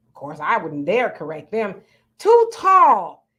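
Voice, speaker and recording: A woman hosting a livestream speaks slowly in a mid-range voice whose pitch swoops wildly, with a slightly bright tone. She reads out viewer comments and chats casually, frankly, and playfully.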